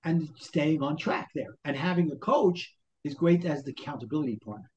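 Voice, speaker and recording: Male life coach, Brooklyn accent, fairly high pitch, motivational and full of rhetorical questions, lo-fi interview sound. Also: animated, normal speed, slight background noise. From Brooklyn, New York. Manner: motivational, talks in rhetorical questions and acted-out self-talk. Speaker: life coach, podcast guest. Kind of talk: conversational interview explanation.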